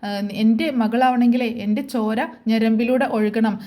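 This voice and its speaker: A woman's voice: on the high side, flat delivery, moderate pace, mellow, close to an everyday voice. A woman voicing a bitter, angry middle-aged mother who scolds and wails her complaints. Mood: scornful.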